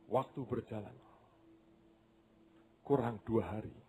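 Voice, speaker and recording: A male pastor telling a story in a sermon, dramatic and swinging between loud and hushed delivery. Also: fairly low pitch, fairly even intonation, takes it slowly, slight background noise.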